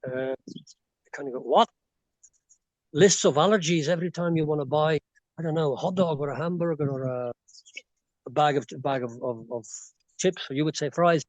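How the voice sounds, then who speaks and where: On a rural property in Bolivia, a man from Belgium with a slightly Irish-tinged accent rambles through a casual interview as an expat guest, with many fillers and restarts. His voice sits on the high side, darkish, at a moderate pace with frequent pauses. The audio is poor, with no room sound.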